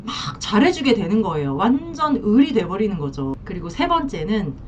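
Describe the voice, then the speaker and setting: Woman counselor, emphatic advice monologue, lively intonation, slightly distant mic. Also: mid-range voice, moderate pace, slight background noise. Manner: animated, emphatic storytelling. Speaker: marriage and divorce counselor.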